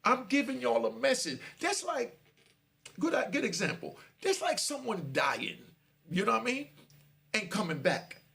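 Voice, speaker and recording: A man's voice: extremely high pitch, sing-song, moderate pace, gravelly, bright, forceful tone. A man in his fifties, a former prisoner, talking straight to camera and preaching warnings to young listeners. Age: 50s. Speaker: prison storyteller. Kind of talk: direct-to-camera monologue.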